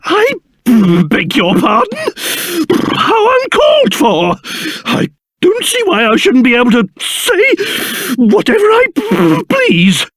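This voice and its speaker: A man voicing a pompous, excitable old cursed king in a video game, with a British accent and a theatrical manner that swings between grumbling and shrill outbursts. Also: takes it slowly, no echo, full character voice. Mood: livid, huffy. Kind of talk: video game character voice acting.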